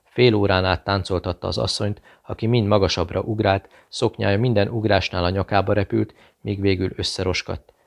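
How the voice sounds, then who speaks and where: A man reading a novel aloud as an audiobook narrator, in a steady, measured delivery. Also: on the low side, vocal fry.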